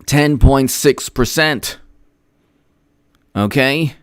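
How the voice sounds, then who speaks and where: A man's voice: medium pitch, extremely slow, clear, resonant tone, no room sound. A man hosting a political commentary livestream, sarcastic and emphatic as he rattles off statistics and thanks viewers for their messages. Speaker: host.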